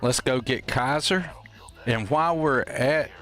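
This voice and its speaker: A man's voice: medium pitch, measured pace, a bit bright. A man hosting a game stream with casual, folksy, playful and rambling commentary. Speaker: host of a gameplay livestream.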